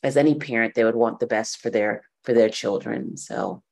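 A woman, a podcast guest telling her life story in a relaxed way with many fillers. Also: a bass voice, normal speed, creaky. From Bahamas. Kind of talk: podcast interview.

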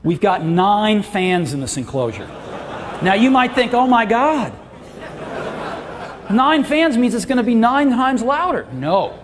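Man, keynote presenter, high-pitched, emphatic and enthusiastic, large hall reverb. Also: sing-song, measured pace, long pauses, background noise. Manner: enthusiastic, emphatic salesmanship with repeated superlatives. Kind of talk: product launch keynote. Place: large auditorium stage with audience. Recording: long hall reverb, faint crowd.

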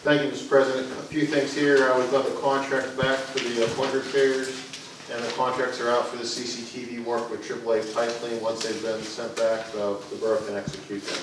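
A man, the borough engineer, giving a matter-of-fact project report to council, halting now and then with fillers. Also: mid-range voice, flat delivery. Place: council chamber. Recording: echoey room from far off with noise.

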